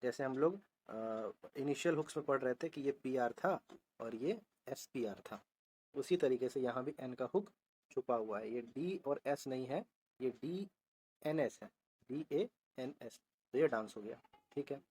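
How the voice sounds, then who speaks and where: Man, shorthand teacher, steady explaining voice, spells out letters, asks and answers himself. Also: medium pitch, a little slow, husky. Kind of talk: explaining a lesson on a board.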